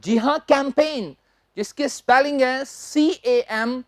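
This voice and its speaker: Woman vocabulary teacher, slightly high, unhurried and deliberate, dry close recording. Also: a little mellow, dry recording. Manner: slow, deliberate, spells words out letter by letter. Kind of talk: newspaper vocabulary lesson.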